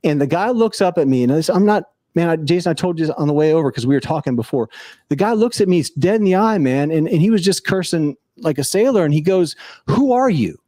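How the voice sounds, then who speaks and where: A man's voice: fairly high pitch, expressive, quick pace, dark tone, dry recording, studio quality. A man telling a personal story on a casual podcast, earnest and rambling, with frequent restarts.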